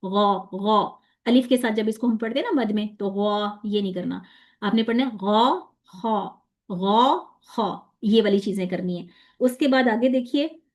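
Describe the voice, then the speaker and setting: Speaking at a medium pitch, a woman teaches tajweed pronunciation online, going through letter sounds slowly and patiently with repetition.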